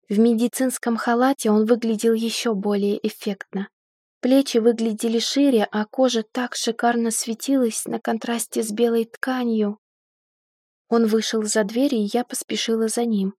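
A woman narrating an audiobook in the first person, in a lively and ironic storytelling manner. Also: a little high, husky, dry recording, clean studio sound.

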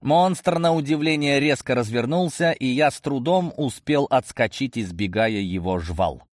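A man's voice: medium pitch, expressive, moderate pace, no room sound, clean studio sound. A man narrating a first-person fantasy audiobook in a tense, action-driven way.

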